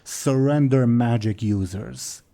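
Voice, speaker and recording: A menacing dragon voice, acted by a man for a tabletop fantasy game. It speaks slowly in halting, broken phrases, stern and demanding, with mellow rather than sharp tone. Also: medium pitch, creaky.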